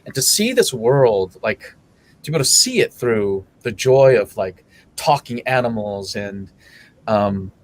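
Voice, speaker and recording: A man's voice: mid-range voice, animated, unhurried, poor audio. A man hosting a story time, chatting enthusiastically about the book. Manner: enthusiastic, lots of fillers and restarts. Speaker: host. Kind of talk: casual chat.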